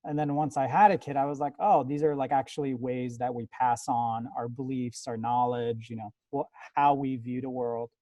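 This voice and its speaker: A man's voice: medium pitch, steady tone, normal speed, hardly any pauses, mellow, dry recording. A man who grew up in the United States, talking as an artist being interviewed in a casual, rambling way with many fillers and restarts. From born in Iran, grew up in America.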